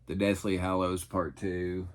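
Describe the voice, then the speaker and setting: A man's voice: sits low, monotone, unhurried, noisy background. A middle-aged man chatting casually in a folksy, rambling, self-deprecating way, as in an unscripted haul video. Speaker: vlogger showing thrift finds.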